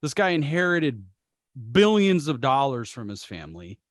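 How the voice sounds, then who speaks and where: A man's voice: medium pitch, very animated, moderate pace, dry recording, studio quality. A man co-hosting a casual sports podcast, talking in long impassioned rants and swearing freely. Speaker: podcast co-host.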